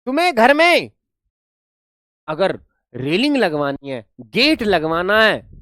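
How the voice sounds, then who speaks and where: A man's voice: fairly high pitch, fairly bright tone, no echo, clean studio sound. A young man teaching a live online class in a playful, coaxing way, repeating words for his pupils.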